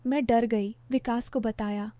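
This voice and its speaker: Female storyteller, higher pitch, warm mellow timbre, steady scripted narration. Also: measured pace, no echo.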